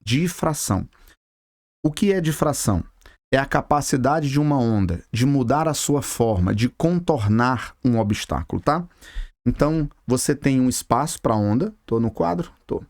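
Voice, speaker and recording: A man's voice: medium pitch, expressive, moderate pace, darkish tone, no echo, studio quality. A Brazilian man teaching a physics video lesson, chatty and talking straight to the viewer with casual slang. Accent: Brazilian Portuguese. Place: classroom with a board.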